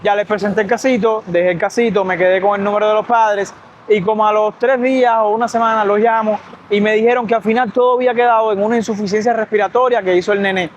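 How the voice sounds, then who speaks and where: A young Cuban-accented man races through a storytime vlog in a high, bright voice. He talks while walking outside near a street, with faint traffic in the background. The sound is slightly dull. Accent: Cuban Spanish. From Cuba. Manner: fast, lively storytelling. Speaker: doctor and vlogger.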